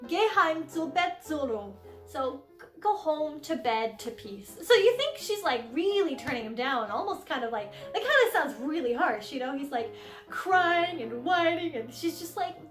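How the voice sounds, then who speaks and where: A young woman singer explaining a song in a casual lesson, animated and giggly, acting out lines dramatically. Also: sits high, normal speed. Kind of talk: casual music lesson vlog. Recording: echoey room with soft piano music.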